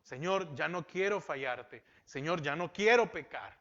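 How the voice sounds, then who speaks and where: Bright high-voiced male pastor preaching. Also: animated, measured pace. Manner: asks rhetorical questions and repeats key phrases. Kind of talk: Bible-teaching sermon. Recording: dull lo-fi sound.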